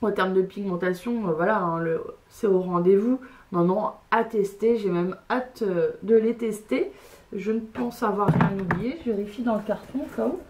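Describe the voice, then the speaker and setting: Woman vlogger, casual haul chat, easygoing and hesitant, average pitch. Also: moderate pace, a little mellow, a little hiss or hum. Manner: chatty, hesitant, with many fillers. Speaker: beauty vlogger. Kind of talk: casual makeup haul unboxing.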